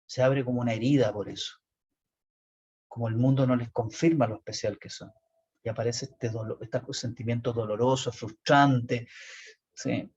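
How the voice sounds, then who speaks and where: A man's voice: medium pitch, steady tone, normal speed, a little mellow, husky. A man with a Chilean accent giving a lecture, explaining in a rambling way that repeats and restarts phrases. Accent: Chilean Spanish. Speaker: teacher. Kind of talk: lecture on personality types. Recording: dull lo-fi recording.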